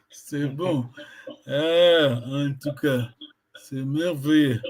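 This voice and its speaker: Slow, patient male language teacher. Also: fairly high pitch. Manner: patient, repeats words slowly for the learner. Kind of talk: language lesson.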